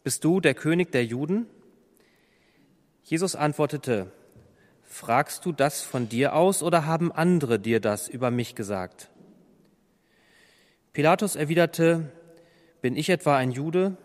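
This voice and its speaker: A man's voice: fairly high pitch, expressive, a little slow, pauses often, big-room sound. A man reading a Bible passage aloud and then commenting on it as a preacher.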